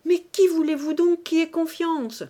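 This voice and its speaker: A woman voicing an angry middle-aged male financier who shouts in an audiobook reading. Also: very high voice, fairly even intonation, moderate pace, voice pushed up. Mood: furious. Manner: shouting, explosive. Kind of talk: audiobook character voice.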